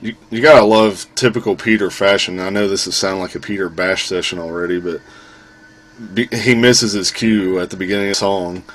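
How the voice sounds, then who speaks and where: A man with a low voice chatting on a casual music podcast. He gets animated and laughs often, mimicking sounds as he talks. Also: brisk. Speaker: podcast co-host. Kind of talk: casual chat.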